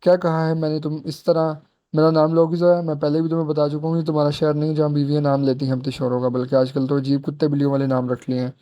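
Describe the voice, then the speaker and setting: A man's voice: on the high side, flat delivery, fast talker, dark tone, highs cut off, natural voice. A man doing a harsh, scolding young husband. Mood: angry scolding. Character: domineering young husband, short-tempered.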